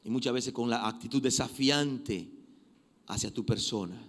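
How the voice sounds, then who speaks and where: Emphatic preacher in echoing church. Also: male voice, medium pitch, moderate pace. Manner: emphatic, repeats phrases, swings from loud exhortation to quiet prayer. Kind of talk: sermon. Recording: long reverb of a church hall.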